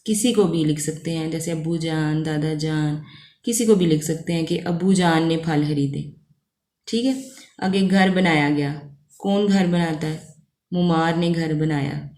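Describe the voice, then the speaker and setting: A woman's voice: lowish voice, darkish tone, echoey room. A woman teacher with a Pakistani accent, patiently explaining a lesson step by step and often checking in with her students. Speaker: Urdu teacher.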